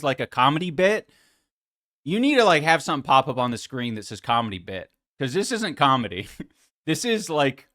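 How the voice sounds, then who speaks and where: Sarcastic man with a lively voice. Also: on the high side. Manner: sarcastic, mocking, laughs often. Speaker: streamer reacting to clips. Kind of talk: live reaction commentary.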